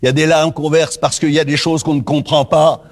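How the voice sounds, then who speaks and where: A man preaching a sermon to his congregation, swinging between loud rising lines and hushed low questions. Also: level tone, brisk.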